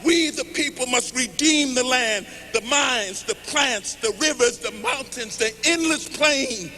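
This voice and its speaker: A man reciting poetry as an impassioned rally speech, declaiming in measured phrases. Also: extremely high pitch, sharp tone. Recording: noisy large hall with long reverb.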